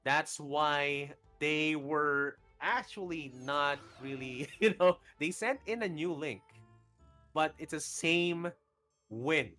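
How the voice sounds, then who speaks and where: Brief: male esports caster, lively and laughing, slightly high pitch, faint music behind. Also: slow. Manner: energetic, laughs often, many fillers. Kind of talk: live esports casting and trivia hosting.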